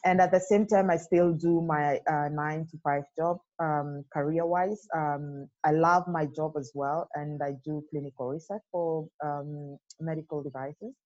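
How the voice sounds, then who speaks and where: A woman's voice: low voice, fairly even intonation, a little slow, hardly any pauses, darkish tone, muffled recording. A woman in her forties from Kenya, a podcast guest talking earnestly and reflectively, with many fillers. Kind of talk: casual interview.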